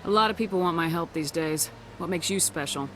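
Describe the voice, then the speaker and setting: Woman acting female military commander, fast clipped delivery, blunt, challenging, video game, faint ambient noise. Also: on the low side, lightly acted, rough recording. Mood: curt. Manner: curt, brusque, challenging.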